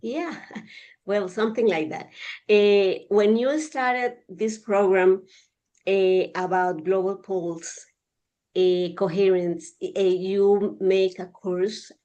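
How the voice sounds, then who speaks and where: A woman from Rica, speaking on a group call in a halting way with many uhs. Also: mid-range voice, steady tone, dark tone, muffled recording. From Costa Rica. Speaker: call participant.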